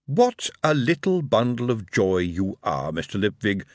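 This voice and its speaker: A man's voice: fairly low pitch, sing-song, no room sound, clean studio sound. A man doing Vetinari, silky and coldly menacing. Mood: amused. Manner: measured, silky and quietly threatening. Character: cold, precise male city ruler, dryly menacing.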